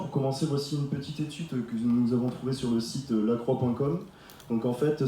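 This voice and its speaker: A man's voice: medium pitch, dark tone, a little hiss or hum. Young French man presenting with many fillers. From France. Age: 20s. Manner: many fillers and restarts, explanatory. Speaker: student project leader. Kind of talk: student presentation on stage. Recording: echoey room from far off.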